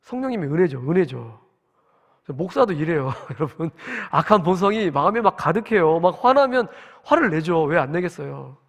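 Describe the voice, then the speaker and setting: A man's voice: fairly high pitch, sing-song, normal speed, creaky. A man in his forties, a pastor, preaching a sermon in an earnest, conversational way and asking the congregation questions. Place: church sanctuary at early-morning service. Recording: long reverb in a church hall.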